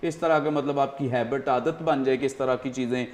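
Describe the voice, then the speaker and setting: A man's voice: medium pitch, fairly even intonation. A man hosting a studio talk show, explaining earnestly and often using fillers. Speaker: host.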